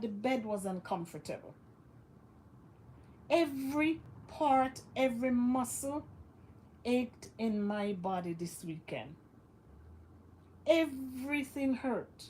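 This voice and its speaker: This West Indian vlogger talks casually to her viewers in a monologue to camera, her medium-pitched, darkish voice congested and nasal from illness. She repeats phrases for emphasis, and the low-quality recording carries slight background noise.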